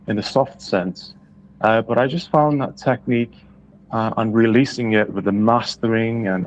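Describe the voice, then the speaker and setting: A man's voice: fairly low pitch, a little mellow. A British man being interviewed remotely, picking his words with plenty of hesitations. His voice comes through a muffled, lo-fi call connection with a faint hiss behind it. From United Kingdom. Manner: hesitant, many uh fillers, thoughtful. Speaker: guest musician. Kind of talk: interview answers. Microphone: remote call audio. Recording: dull lo-fi online call audio.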